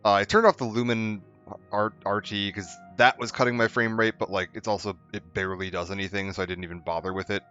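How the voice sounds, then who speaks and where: A man with a low voice gives chatty, rambling commentary while he plays a game on stream. He repeats himself and restarts his sentences often. The audio is a little dull, with faint music playing behind him. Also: fairly even intonation, fast talker, a bit bright, clear, resonant tone. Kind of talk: casual let's-play commentary.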